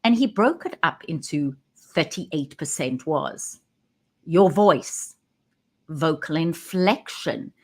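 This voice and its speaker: A woman who works as a communication coach, talking straight into her camera and stressing key words with pauses. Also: sits low, animated. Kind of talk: direct-to-camera talk. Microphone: webcam.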